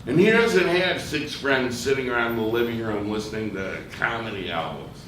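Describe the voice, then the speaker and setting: A man's voice: mid-range voice, animated, normal speed, a bit bright, recorded from a distance, a little hiss or hum. An older man performing a wry, reflective comic monologue on a theater stage, recorded from afar in an echoey theater.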